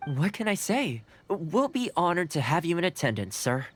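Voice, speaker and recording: A man's voice: fairly high pitch, very animated, normal speed, a bit bright, faint music behind. An actor voicing a friendly, earnest young male housekeeper in a video game, with an easygoing manner. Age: young adult.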